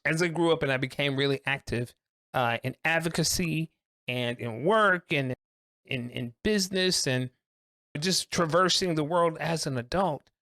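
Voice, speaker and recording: A man co-hosting a podcast discussion, talking earnestly and reflectively in deliberate, emphatic phrases. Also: fairly high pitch, fairly bright tone, no room sound, clean studio sound. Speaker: co-host.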